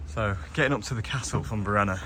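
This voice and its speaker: A man's voice: lowish voice, fast. A young man hosting a casual travel vlog, chatting with his companion as they walk. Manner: chatty, asks companion questions. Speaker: travel vlogger host. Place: outdoors in a lakeside village. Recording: outdoor street noise.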